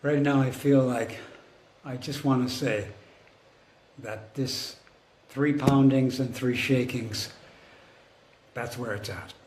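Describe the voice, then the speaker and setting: An older man, a Zen teacher, answering questions in brief, soft-spoken, wry remarks. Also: medium pitch, steady tone, takes it slowly, long pauses, echoey room. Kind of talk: casual Q&A reply.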